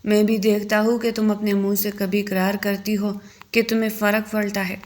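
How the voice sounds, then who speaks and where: A woman's voice: medium pitch, level tone, darkish tone, close to an everyday voice. A woman voicing a teasing, secretive young husband in a story reading. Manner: confiding, muttering.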